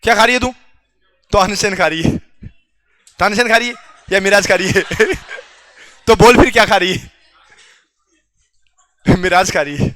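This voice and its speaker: A man's voice: high voice, normal speed, pauses often, fairly bright tone, no echo. A male teacher quizzing his students in a classroom, teasing and joking with them as he goes, with a Rajasthani Hindi accent.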